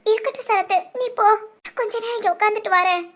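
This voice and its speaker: Woman doing a grieving young woman, very high, soft and teary, for an audio drama. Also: fast talker. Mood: tearful. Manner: soft, tearful and polite. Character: grieving young woman missing her father.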